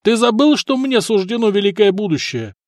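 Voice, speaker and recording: Brash male sea-raider read by a man: loud, gleeful, high-pitched, dry close audiobook sound. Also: very animated, moderate pace, no echo. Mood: scolding. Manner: loud, gleeful, mocking banter.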